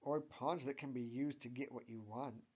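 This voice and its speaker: A man voicing a bratty girl who shouts in exasperation. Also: mid-range voice, steady tone, moderate pace, slightly rough, highs cut off, close to an everyday voice. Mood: sarcastic. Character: bratty girl, loud and frustrated.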